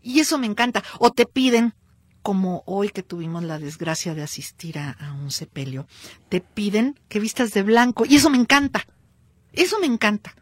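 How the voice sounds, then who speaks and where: A woman with a Mexican accent hosting a cultural radio show, lively and playful with her guest. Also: medium pitch, moderate pace, slightly rough, no room sound, studio quality. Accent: Mexican Spanish. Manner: lively, playful, laughs easily. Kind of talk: casual radio chat.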